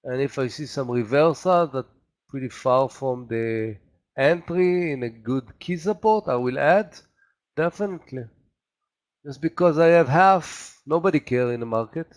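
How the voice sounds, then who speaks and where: A man who is not a native English speaker, a day trader talking casually and haltingly as he thinks aloud through live trades. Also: mid-range voice, expressive. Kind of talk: casual live trading commentary.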